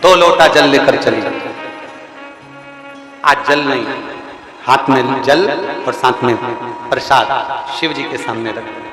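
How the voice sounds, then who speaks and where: A man's voice: medium pitch, slow, pauses often, a bit bright. A man preaching a sermon, telling folksy stories with quoted dialogue and repeating emphatic exhortations. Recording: echoey hall with music behind.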